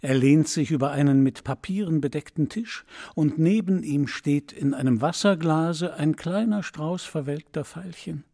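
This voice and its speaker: A man narrating a fairy tale for an audiobook in a calm, measured way. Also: on the high side, gravelly.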